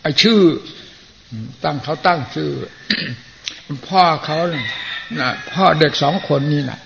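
An older man speaks as a Buddhist monk giving a sermon, his voice gravelly and pitched slightly high. His talk is plain and folksy, and he clears his throat often. The recording is a muffled old tape with a faint hiss behind it. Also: takes it slowly.

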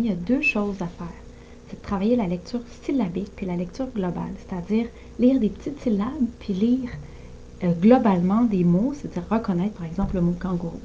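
A woman in her fifties with a Quebec French accent, a remedial teacher giving a lively online presentation to parents and punctuating her examples with "oops". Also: mid-range voice, a little fast, dull audio, a little hiss or hum.

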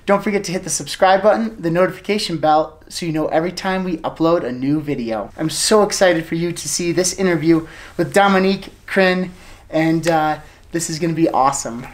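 A man's voice: on the high side, normal speed. A man in his thirties hosting an interview, upbeat and full of "uh"s. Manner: upbeat, many fillers. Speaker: host. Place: living room with sofa. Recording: roomy echo.

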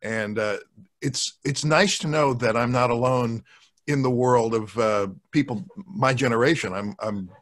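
This measured man in his sixties has a mid-range, fairly bright voice. A radio show producer appearing as a podcast guest, he casually discusses old radio and film over a video call from a room at home, close to a large desk microphone.

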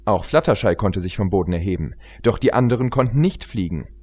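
Lively male audiobook narrator. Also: fairly low pitch, brisk. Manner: expressive, lively storytelling. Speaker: reader, narrator. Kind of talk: audiobook reading of fan fiction.

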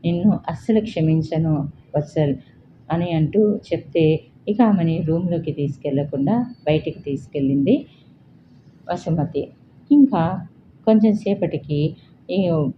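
A woman reading a serialized family drama story aloud, voicing every character lightly in a plain, steady way. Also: low voice. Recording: dull lo-fi recording with steady background noise.

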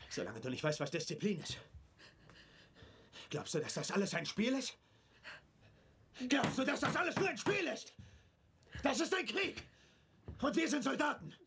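A husky, domineering revolutionary leader in a film dub. His pitch swings widely as he lectures coldly and then barks commands. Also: wildly swooping pitch, unhurried, pauses often, heavily acted. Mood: lecturing, angry. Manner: cold, commanding, bursts into shouting. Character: domineering male revolutionary leader, controlling and contemptuous.

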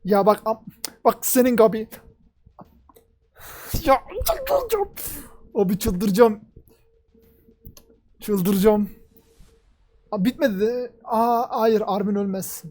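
A young man reacting live to an anime episode, talking at the screen, cheering the characters on and swinging between loud outbursts and low muttering. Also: fairly even intonation, unhurried, long pauses. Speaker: reaction video creator.

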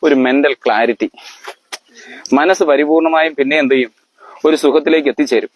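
Through a muffled recording, a man with a voice on the high side delivers a lecture-like explanation to his family. He quizzes them frequently, asking whether they understand, and speaks haltingly with fillers and false starts.

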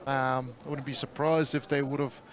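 A man, a former player, commentating live in a relaxed, hesitant way with plenty of fillers. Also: mid-range voice, normal speed. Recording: crowd noise behind.

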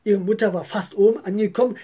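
Woman reading a story aloud, breathy, warm, expressive. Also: mid-range voice, fast.

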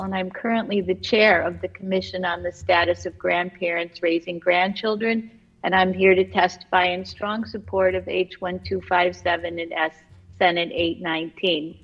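A woman testifying remotely by video call as a commission chair, delivering composed, formal prepared remarks. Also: medium pitch. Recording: dull video-call audio.

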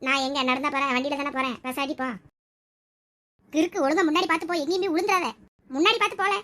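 A woman's voice: high voice, steady tone, fast talker, background noise, close to an everyday voice. A woman playing a bossy young woman who scolds and fusses over a friend. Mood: exasperated. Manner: bossy, exasperated.

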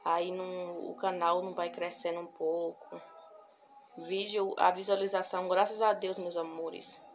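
A young woman sits on a couch in a small room at home, vlogging to her viewers in a soft, lowish, level voice. She pauses often to collect her thoughts and repeats herself in this casual, heartfelt talk. It's a noisy recording made on a phone camera held at arm's length.

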